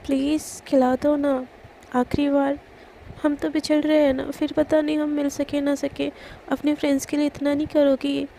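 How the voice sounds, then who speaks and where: A hoarse woman voicing a childish, clingy young woman who pleads in a whiny, babyish way. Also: high-pitched, flat delivery, moderate pace, warm tone, a little hiss or hum, low-quality recording. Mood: pleading.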